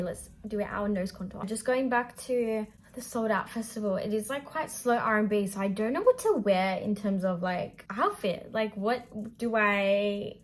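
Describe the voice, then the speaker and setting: A woman's voice: medium pitch, slight background noise. A young adult Australian woman chatting casually through a makeup vlog in a bubbly, gushing, slangy sorority-girl manner. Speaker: beauty vlogger.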